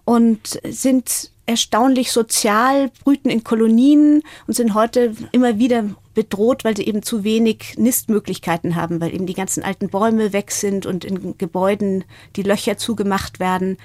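A woman's voice: mid-range voice, fairly even intonation, moderate pace, hardly any pauses, a little mellow, no echo. A middle-aged woman, a researcher explaining her work in a podcast interview in a thoughtful way. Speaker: guest, parrot and raven researcher.

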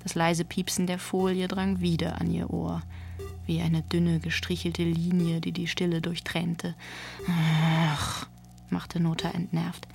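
A woman reading an audiobook story in a calm, even storytelling manner. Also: lowish voice, measured pace, gravelly, soft background music. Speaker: narrator. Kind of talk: audiobook narration.

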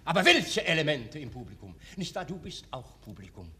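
Pompous vain playwright, high voice, very sharp n forceful, declaims everything, comedy play. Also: male voice, big pitch swings, a little fast, breathy edge, full character voice. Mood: arguing. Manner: pompous, insistent, theatrical declaiming. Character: vain, persuasive playwright reading out his play.

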